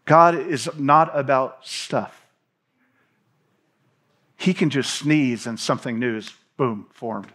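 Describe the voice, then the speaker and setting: A Tennessee pastor in his thirties preaches a sermon from a church stage, reading scripture aloud, gesturing with his hands and pacing animatedly. His voice is mid-range, and he speaks slowly with long pauses.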